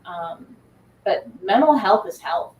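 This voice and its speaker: A woman's voice: mid-range voice, animated, takes it slowly, a crowd in the background. School nurse woman, distant echoey mic. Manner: thoughtful, hesitant, with repeated words. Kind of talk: casual interview chat. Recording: echoey, distant mic with faint room noise.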